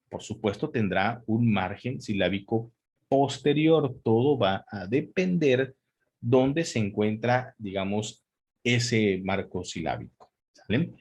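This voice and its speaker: A man's voice: mid-range voice, a little mellow, slightly rough. A man teaching a spelling lesson, talking it through with fillers and checks like "¿sale?". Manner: hesitant, many fillers and restarts, checks in with "¿sale?". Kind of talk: spelling lesson, spontaneous explanation.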